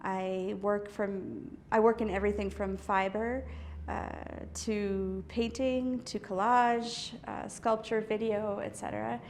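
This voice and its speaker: A woman's voice: mid-range voice, steady tone, takes it slowly, a little mellow, slight background noise. A woman artist from the US East Coast in a casual interview, talking thoughtfully with many fillers, restarts and light laughs. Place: indoor art studio.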